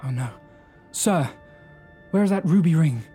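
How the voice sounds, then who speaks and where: A man's voice: a little high, expressive, a little slow, dark tone, faint music behind. A man playing a polite, flustered young detective's assistant who also narrates the comedy audio drama. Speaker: narrator and character.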